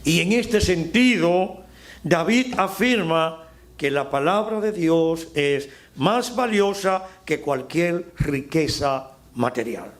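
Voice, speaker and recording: A middle-aged Dominican man preaching a sermon as pastor, slowing down and rising on key phrases for emphasis. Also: a little high, lively intonation. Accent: Dominican Spanish. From Dominican Republic.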